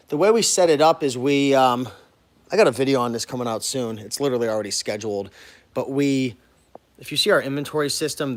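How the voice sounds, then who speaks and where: An American man talking informally and directly to viewers in a casual walk-through vlog, as a business owner showing his workplace. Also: mid-range voice. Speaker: online reseller and business owner hosting a warehouse tour.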